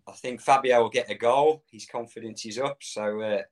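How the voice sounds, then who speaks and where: A man's voice: mid-range voice, fairly even intonation, normal speed. A middle-aged man chatting as a guest on a fan show, rambling and easygoing, often laughing. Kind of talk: casual chat.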